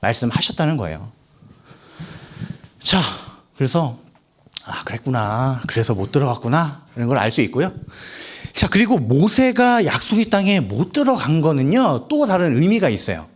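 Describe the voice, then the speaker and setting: A young man delivering a sermon to teenagers, his voice rising and falling in big lively swings and sitting a bit above the usual male range. He keeps asking the room questions and acts out the characters as he goes. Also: fairly high pitch, normal speed. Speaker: youth preacher. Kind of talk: sermon to high schoolers.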